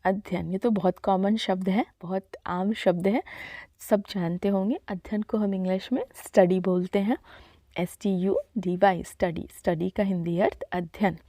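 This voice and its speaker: A woman gives a patient vocabulary lesson, repeating each word and spelling it out letter by letter. Her voice is mellow and soft, recorded close and dry with no room sound. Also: mid-range voice, fairly even intonation, dry recording. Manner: slow, deliberate, spells words letter by letter. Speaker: vocabulary teacher. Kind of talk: Hindi-to-English vocabulary lesson.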